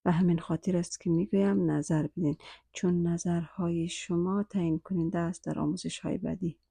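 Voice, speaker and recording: Woman teacher with a dark, dry voice. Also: on the low side, fairly even intonation, vocal fry, slightly rough, dry recording. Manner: says each English phrase twice, slow and careful, some in a whisper. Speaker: English teacher. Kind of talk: language lesson, repeating phrases slowly then translating quickly.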